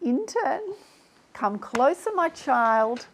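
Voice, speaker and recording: An actress playing a vain, self-absorbed talk-show host in a comedy sketch, talking in a theatrical, self-pitying way. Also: female voice, high-pitched, very animated, slow pace, slight background noise, exaggerated voice. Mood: grandiose. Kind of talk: comic sketch acting.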